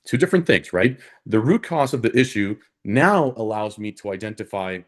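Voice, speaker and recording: A man's voice: fairly low pitch, lively intonation, normal speed. A man from Honduras, speaking as an alumnus guest on a panel in an earnest, conversational way that often checks in with the listener. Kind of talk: conversational career talk on a panel.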